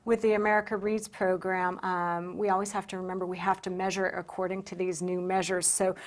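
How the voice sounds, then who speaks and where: A woman, answering interview questions about volunteering with many pauses and restarts. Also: on the low side, flat delivery. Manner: hesitant, many ums and restarts. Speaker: volunteer center guest.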